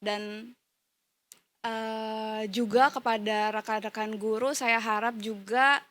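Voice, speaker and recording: A woman's voice: on the high side, fairly even intonation, takes it slowly, fairly bright tone. A woman who teaches primary school, telling a story in a casual interview with many hesitant fillers.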